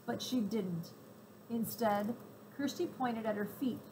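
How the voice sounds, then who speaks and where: A woman reading a children's novel aloud, in clear, even storytelling narration. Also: a little high, slow pace, a little hiss or hum, poor audio. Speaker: reader.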